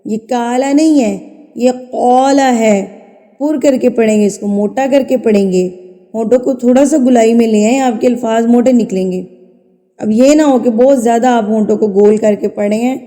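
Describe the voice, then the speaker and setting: A woman with a very dark, mellow voice leads a tajweed lesson, patient and methodical. She asks questions and answers them herself, repeating each sound slowly to demonstrate it. The voice carries a long, lingering reverb. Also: fairly high pitch. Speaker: Quran recitation teacher.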